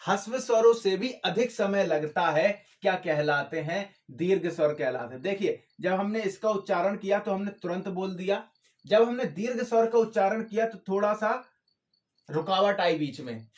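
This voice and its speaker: A man teaching grammar in a lecture style. He asks his own questions and answers them, repeats the key terms, and stretches out sounds to show how long a vowel lasts. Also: high-pitched. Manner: drawn-out syllables to demonstrate vowel length.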